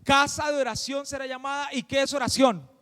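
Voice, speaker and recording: A man's voice: extremely high pitch, steady tone, fairly quick, fairly bright tone, in a large hall. A man preaching a sermon, emphatic and full of rhetorical questions.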